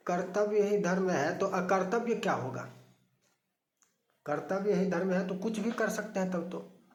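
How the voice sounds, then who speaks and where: A man giving a slow, explanatory discourse on scripture, asking questions and answering them himself and reciting Sanskrit verses. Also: sits high, echoey room. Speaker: religious teacher.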